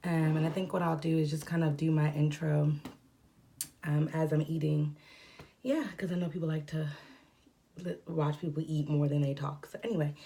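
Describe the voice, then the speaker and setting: A woman's voice: low-pitched, gravelly, a little hiss or hum. A young adult woman talking casually while eating a mukbang meal at home, rambling with lots of fillers and breathing heavily from a cold. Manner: rambling, filler-heavy, relaxed. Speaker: mukbang vlogger. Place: at home indoors.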